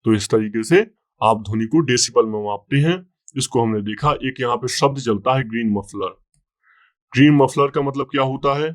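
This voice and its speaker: Man, teacher, exam-prep lecture, mid-pitched voice, repeats key points. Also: moderate pace. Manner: explanatory, repeats key points, frequent "theek hai" checks.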